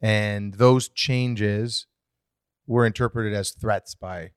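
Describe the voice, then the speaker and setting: A man co-hosting a casual podcast chat, explaining current events in an animated, swinging way. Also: lowish voice, slow, smooth, no echo, studio quality. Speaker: podcast co-host.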